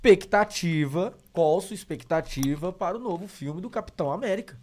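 A man's voice: high voice, expressive, fairly quick, darkish tone, a little hiss or hum. A man with a Brazilian Portuguese accent, a podcast host in casual chat who jokes and asks teasing questions.

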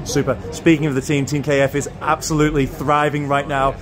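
A man's voice: fairly high pitch, flat delivery, fairly quick, crowd noise. A man interviewing as a sports reporter, articulate and complimentary. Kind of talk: interview questions and commentary. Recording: faint background noise.

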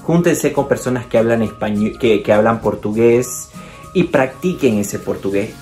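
A man's voice: mid-range voice, normal speed, darkish tone, faint music behind. A man from Bolivia with a Bolivian Spanish accent, chatting casually to the camera and encouraging his viewers. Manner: chatty and encouraging, addresses viewers directly, often says "entonces". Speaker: video host giving language tips.

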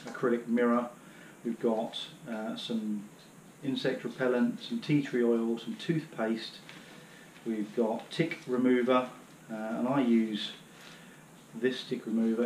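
A man's voice: mid-range voice, fairly even intonation, unhurried, a little mellow, echoey room, slight background noise, low-quality recording. A British man in his thirties, kneeling on his living room floor, showing his hiking gear in a casual, rambling way with many fillers, heard from a camera a few metres off. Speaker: outdoor gear vlogger. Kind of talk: casual demonstration. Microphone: camera on the floor a few metres away.

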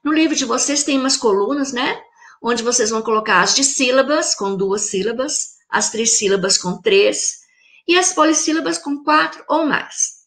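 A Brazilian woman teaching a video lesson to children, slowly sounding out words syllable by syllable in an affectionate teacherly tone. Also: fairly high pitch, animated, fairly bright tone. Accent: Brazilian Portuguese. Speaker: primary school teacher.

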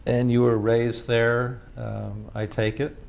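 A man conducting an oral history interview, asking questions in a formal, measured way. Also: mid-range voice, flat delivery, vocal fry, a little mellow.

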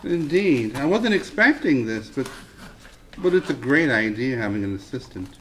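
A man's voice: mid-range voice, sing-song, moderate pace, slight background noise, rough recording. A man co-hosting a comedy cooking show, offering dry, earnest trivia between jokes in a kitchen. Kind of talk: comic banter while cooking.

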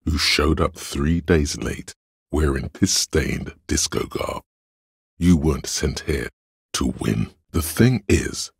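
Logic, a gravelly, bottomless inner voice. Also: male voice, dry recording, heavily acted. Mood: condescending, skeptical. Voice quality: very deep, gravelly, husky. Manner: measured, deadpan, dry and matter-of-fact. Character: cold, analytical, condescending male inner voice of logic. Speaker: video game voice actor. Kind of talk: scripted second-person inner-voice narration.

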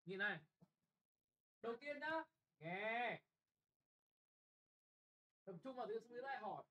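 Young man, classroom exam tutor; brisk, blunt, keeps checking if students follow. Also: very high-pitched, expressive, sharp tone, poor audio. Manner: brisk and bossy, often checking "got it?". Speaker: English tutor.

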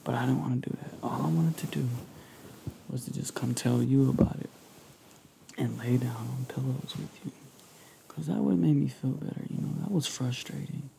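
A young man in casual, confiding pillow talk, telling a story in a soft murmur that drifts into a whisper. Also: medium pitch, normal speed, vocal fry, slight background noise, poor audio. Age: young adult. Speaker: ASMR creator. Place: living room couch, indoors.

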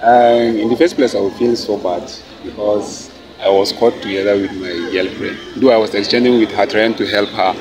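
A man's voice: on the low side, steady tone, normal speed, few pauses, noisy background. A young man student answering a campus interview thoughtfully, checking in with the interviewer. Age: young adult. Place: outdoors on campus.

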